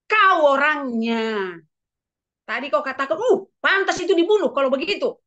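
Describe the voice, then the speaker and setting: A stern prophet, male and unbending, hammering home an accusation with heavy emphasis, voiced by a woman preacher. The pitch is high, and the recording sounds muffled and lo-fi. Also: expressive, normal speed, a bit bright. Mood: accusing. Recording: dull lo-fi recording.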